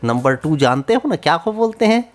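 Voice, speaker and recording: A man narrating a children's cartoon story, often pausing to ask the young listeners questions. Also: on the high side, very animated. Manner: asks the children questions, sing-song.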